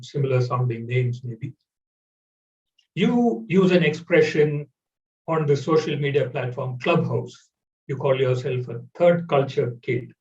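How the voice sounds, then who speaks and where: A man hosts an interview, speaking in a measured way with frequent pauses and fillers. His slightly high voice sounds distant and roomy. The audio is dull, like a video call. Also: darkish tone. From India. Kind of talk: conversational interview.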